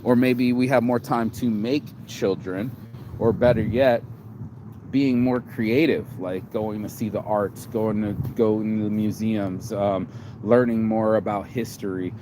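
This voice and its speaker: A man's voice: lowish voice, fairly even intonation, a little slow. A tired man from Las Vegas, vlogging in a casual, rambling monologue with profanity and many restarts and repeated words. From Las Vegas, USA. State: tired, low energy. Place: outdoors in a city. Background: street and traffic noise.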